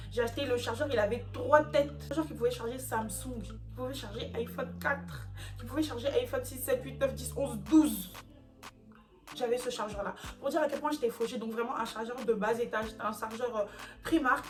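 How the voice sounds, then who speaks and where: A young woman from France tells a story to camera with lively, slangy drama, her voice sitting a little high for a woman. Music plays clearly underneath her talk. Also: fast. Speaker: YouTuber telling a story. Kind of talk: animated storytime vlog.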